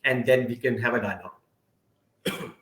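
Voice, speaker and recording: A man's voice: medium pitch, measured pace, a bit bright. A man moderating an online career session over a conference call, speaking formally with frequent filler sounds. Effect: conference call audio. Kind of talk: hosting an online career webinar. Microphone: video call. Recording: roomy conference call audio.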